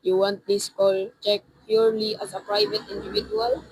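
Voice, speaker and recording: A young woman in her teens playing a formal, unhelpful chief telephone operator in an amateur radio drama, polite and measured. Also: mid-range voice, little pitch movement, husky, no room sound, low-quality recording. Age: teenager.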